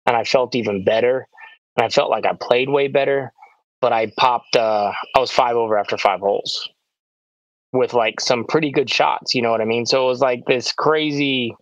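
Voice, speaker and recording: A man and pro disc golfer, recapping his tournament in a relaxed, rambling casual chat full of "like" fillers. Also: medium pitch, normal speed, dry recording. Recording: dull, dry lo-fi sound.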